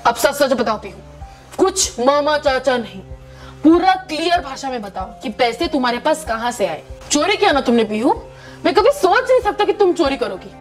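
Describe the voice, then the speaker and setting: Angry father in a doll story, harsh and scolding, played by a woman, high-pitched, soft music under. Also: very animated, normal speed. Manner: shouting, scolding, interrogating. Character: stern angry father scolding his young daughter. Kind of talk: doll-story role-play.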